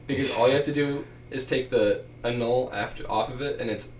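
A man's voice: mid-range voice, steady tone, brisk, slight background noise. A young man chatting casually with friends about music, rambling with lots of fillers. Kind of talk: casual chat among friends. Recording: echoey room, mic at a distance.

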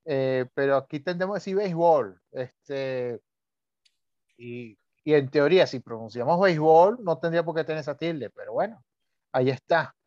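A man's voice: on the high side, animated, moderate pace, darkish tone, no echo, muffled recording. A man from Venezuela with a Venezuelan Spanish accent, talking casually and telling anecdotes with laughs and asides. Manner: chatty storyteller with frequent laughs and asides. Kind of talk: casual conversation about spelling.

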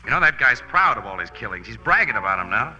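Casey, bright breezy American radio photographer. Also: male voice, mid-range voice, sing-song, quick pace. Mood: matter-of-fact. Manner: breezy, wry, teasing banter. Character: flirtatious, teasing crime photographer, a confident man. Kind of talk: 1940s radio drama acting. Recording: dull vintage radio recording, faint music.

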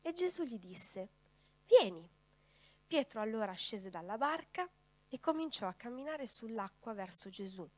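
Higher-voiced woman preaching a sermon. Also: expressive, normal speed. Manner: rhetorical, questions the congregation directly.

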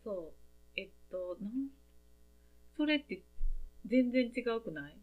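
A woman's voice: mid-range voice, big pitch swings, slow pace, narrow, tinny audio. A woman with a Kansai accent, chatting casually and rambling a little as a podcast host. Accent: Kansai Japanese. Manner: chatty, rambling, laughs often. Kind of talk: casual chat.

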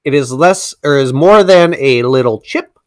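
A man's voice: medium pitch, moderate pace. A man answering trivia in a casual chat, thinking aloud and hedging before he answers. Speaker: quiz partner.

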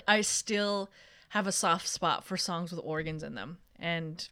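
A woman's voice: on the low side, a little slow, fairly bright tone, clean tone. A woman co-hosting a podcast in casual music chat, loose and profane, full of fillers. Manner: casual, swears often, many fillers. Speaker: podcast co-host.

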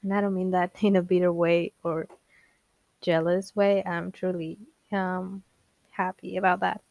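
A woman's voice: lowish voice, flat delivery, a little slow, creaky, darkish tone, dry recording. A young woman hosting her own show, talking in a rambling, candid way, laughing often and poking fun at herself as she drifts between topics. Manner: self-deprecating, wanders off topic. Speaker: podcast host. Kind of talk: casual solo monologue.

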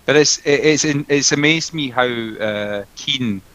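Podcast guy, jokey and chatty, mid-pitched voice. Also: no room sound, low-quality recording. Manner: joking, animated, quick asides. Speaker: podcast co-host. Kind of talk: casual chat.

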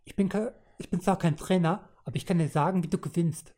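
A man's voice: high voice, fast, darkish tone, pitched above the performer's own voice. Man doing an eager young know-it-all fan. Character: helpful young man with glasses.

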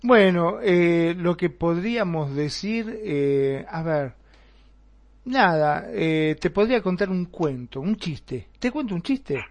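A man with a high voice fumbles for words before telling a joke. He pauses often and keeps a joking tone. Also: lively intonation. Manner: hesitant, joking. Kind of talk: casual radio chat, telling a joke.

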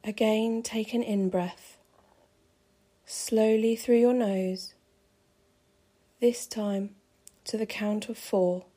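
A woman calmly guiding a pregnancy relaxation meditation with slow, soothing, measured phrasing. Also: mid-range voice. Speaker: meditation guide.

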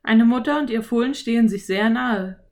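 A woman's voice: a little high, normal speed, a little mellow, voice pushed up, lightly acted. A woman voicing an earnest, cautious small boy in an audiobook, in a slightly raised, serious voice. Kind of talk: audiobook character voice.

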